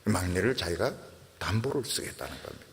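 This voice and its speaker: A middle-aged man preaching a sermon, telling the story in a lively way and acting out the quoted dialogue. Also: deep voice, quick pace, vocal fry, in a large hall, a little hiss or hum. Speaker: pastor.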